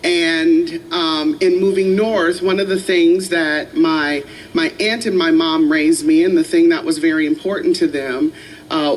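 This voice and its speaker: A woman from Michigan, a pastor, telling her story on a panel in a university chapel in a slow, joking manner. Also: low-pitched, distant mic, a little hiss or hum, rough recording. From Michigan, USA.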